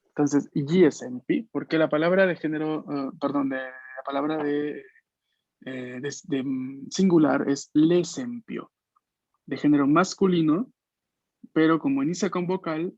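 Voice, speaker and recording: A man with a slightly raised voice teaches a class over a video call, explaining each point slowly and checking in with his listeners as he goes. The sound is dry and a little dull, with no room echo at all. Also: fairly high pitch, steady tone, a little mellow. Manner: patient, explanatory, frequent "¿no?" tags. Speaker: language teacher.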